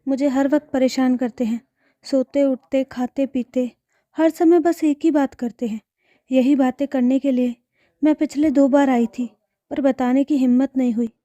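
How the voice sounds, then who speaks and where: A woman's voice: high voice, fairly even intonation, normal speed, dark tone, dry recording, highs cut off, lightly acted. Sad young daughter in a storybook, woman putting it on, teary and hesitant, dry sound. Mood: tearful. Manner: hesitant, holding back tears. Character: unhappy young married daughter.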